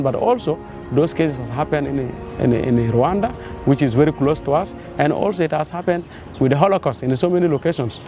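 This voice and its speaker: A man from South Sudan, a youth delegate, speaking in a measured, hesitant way in an interview. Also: mid-range voice, warm tone. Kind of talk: interview testimony. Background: music.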